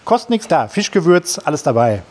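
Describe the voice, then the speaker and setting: A man's voice: on the high side, big pitch swings, fairly quick, a little mellow, slight background noise. A man in his fifties, an inventor, talking eagerly and casually about his own gear.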